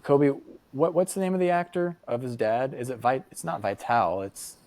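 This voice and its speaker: A man's voice: mid-range voice, moderate pace, no echo. A young man from the United States chats as a podcast guest, telling stories with plenty of "um"s and "like"s. He acts out the voices of people in his stories. His voice sits mid-range and sounds close and dry, with almost no room. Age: young adult. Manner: animated, acts out quoted voices, many fillers. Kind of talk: casual storytelling.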